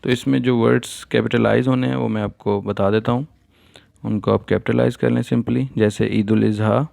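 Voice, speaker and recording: A male teacher with a Pakistani accent explaining an English lesson for children, reading the English sentences aloud slowly. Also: mid-range voice, gravelly, darkish tone, dry recording, clean studio sound. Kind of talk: recorded online lesson.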